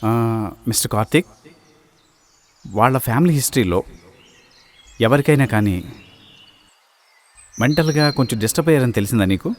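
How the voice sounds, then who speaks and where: An actor playing a calm, fatherly male doctor, speaking gently with many murmured hums. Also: medium pitch, normal speed, pauses often, natural voice. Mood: concerned. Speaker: doctor and boss. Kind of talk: film dialogue.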